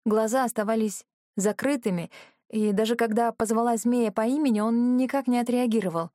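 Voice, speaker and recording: A woman's voice: fairly high pitch, steady tone, a little fast, warm tone, no room sound, studio quality. Woman narrating a fantasy audiobook.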